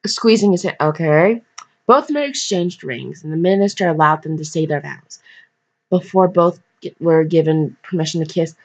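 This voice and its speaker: Her voice sits low with a darkish tone and moderate pace as she reads a fan fiction story aloud, tripping over words and cutting in with joking asides. A dull, lo-fi microphone captures it.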